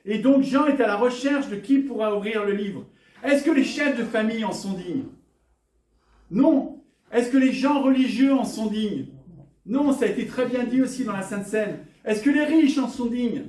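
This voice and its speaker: A man from northern France preaching a lively sermon with rhetorical questions and jokes for the congregation. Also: very high voice, moderate pace, recorded from a distance. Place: church hall. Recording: echoey church hall, from afar.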